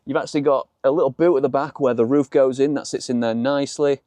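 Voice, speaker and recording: This Yorkshire man presents a casual car vlog in and around a small open-top car outdoors, chatting in colloquial British slang. His medium-pitched voice is steady, quick and mellow, with no room sound, though the recording is noisy with car and outdoor ambience.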